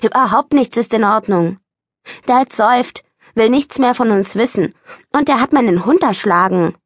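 A woman's voice: medium pitch, animated, measured pace, darkish tone, husky, no echo, clean studio sound. A woman voicing a defiant young boy. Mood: upset, pleading. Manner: pleading, indignant outbursts.

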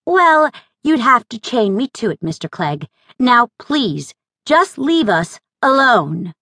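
A young frontier mother, sharp-tongued and sarcastic, as a woman narrator voices her. Her voice sits a little high, and the studio sound is dry and close. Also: big pitch swings, slow, no room sound, full character voice. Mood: defiant. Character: young frontier mother, defiant yet frightened.

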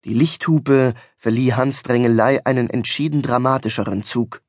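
A man's voice: medium pitch, fairly even intonation, normal speed, a little mellow, no echo. Wry male audiobook narrator, dry studio. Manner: wry, dry comic storytelling. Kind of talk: first-person audiobook narration.

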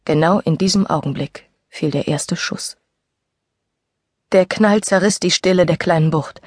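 Breathy woman narrating an audiobook. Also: fairly low pitch, a little slow, a little mellow, dry recording, studio quality. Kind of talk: scripted narration.

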